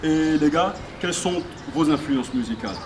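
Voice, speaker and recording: A man's voice: fairly high pitch, expressive, moderate pace. A man interviewing rappers, casual and stumbling as he rephrases his questions. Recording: distant mic with noisy ambience.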